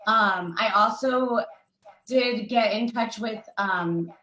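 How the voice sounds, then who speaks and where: A woman's voice: medium pitch, slow, sharp tone, reverberant, rough recording. A woman speaking on an online recovery panel, chatty and rambling with lots of fillers. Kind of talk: casual panel conversation.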